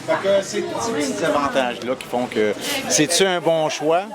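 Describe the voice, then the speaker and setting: An older man from Quebec with a Québécois accent, a retiree chatting in a street interview and telling stories in an animated way. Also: fairly high pitch, moderate pace. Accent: Québécois French. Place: outdoors in a busy street. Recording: loud crowd noise behind.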